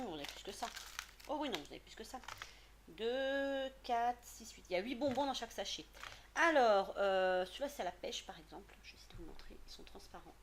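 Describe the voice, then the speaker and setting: Woman in her 30s, vlogger, chatty and halting, mid pitch, noisy home recording with crinkling packaging. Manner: chatty, hesitant, many fillers and restarts. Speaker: beauty vlogger. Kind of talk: casual haul video.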